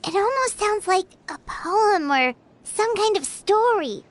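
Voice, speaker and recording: Chirpy high-pitched little companion. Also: female voice, animated, slow, full character voice. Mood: thoughtful. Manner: chirpy, exclamatory. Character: small lively floating companion girl.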